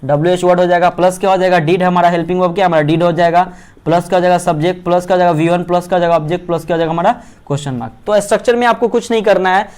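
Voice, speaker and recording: A man teaching English grammar, asking himself questions and slowly spelling out sentence structures. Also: sits high, darkish tone, clean tone. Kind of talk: Hindi lecture on English grammar.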